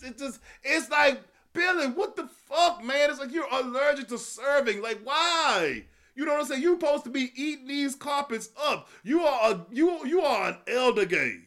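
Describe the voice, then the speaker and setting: A man's voice: very high voice, a bit bright. A man hosting a podcast, giving a profane, sarcastic solo rant of commentary. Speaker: podcast host.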